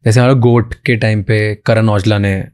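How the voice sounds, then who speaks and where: A young man hosting a podcast, asking his guest questions in a relaxed way and slipping English phrases into his sentences. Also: on the low side, normal speed. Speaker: podcast host. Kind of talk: interview questions in conversation.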